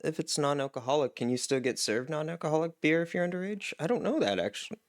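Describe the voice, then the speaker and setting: A man's voice: on the high side, lively intonation, quick pace. Chatty young man from Canada, reacting. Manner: chatty, wonders aloud, laughs between remarks. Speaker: reaction video host. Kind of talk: casual reaction commentary.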